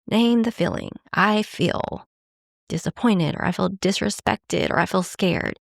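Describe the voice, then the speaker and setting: A woman talks through advice in a relaxed, conversational way, her voice carrying a gravelly edge. She slips into short example lines as she goes. The recording is dry and close. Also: medium pitch, measured pace, dry recording. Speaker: podcast host. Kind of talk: casual advice talk.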